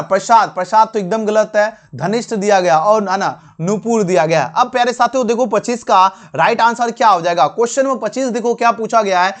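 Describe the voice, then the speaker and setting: A man walking through an exam answer key, repeating each question, calling viewers dear friends, his talk full of fillers. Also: sits high. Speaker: teacher.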